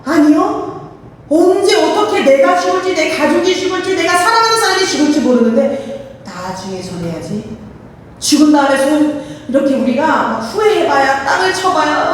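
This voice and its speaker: A woman's voice: high-pitched, a little hiss or hum. A woman pastor preaching a fervent sermon and calling for responses from the congregation. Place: church sanctuary. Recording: echoey church hall from far off.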